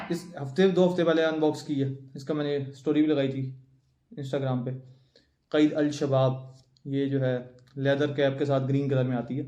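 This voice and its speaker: A man's voice: fairly high pitch, mellow, roomy sound. Chatty man unboxing perfumes at home. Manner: chatty, thinks aloud while handling bottles. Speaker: perfume reviewer. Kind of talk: casual unboxing chat. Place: at home, indoors. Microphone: phone with plug-in USB-C mic.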